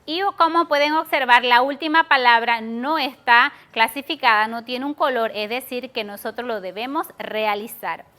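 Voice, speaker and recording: A woman's voice: fairly high pitch, moderate pace, few pauses, bright, forceful tone. A woman teacher giving a televised class to schoolchildren, explaining patiently step by step and stretching out words.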